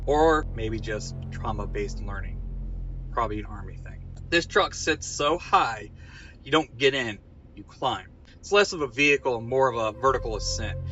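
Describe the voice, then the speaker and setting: A man's voice: medium pitch, sharp tone, lo-fi sound, slight background noise. A man telling a comic monologue about being a father, with dry, wry asides and punchlines.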